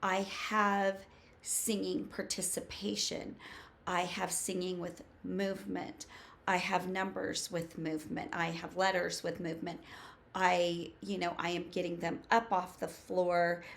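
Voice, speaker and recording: Woman, 50s, preschool educator explaining to camera. Unhurried, with vocal fry, emphatic short phrases. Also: fairly low pitch, flat delivery. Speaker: preschool teaching coach. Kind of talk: casual instructional talk to camera. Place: small home room with bookshelves.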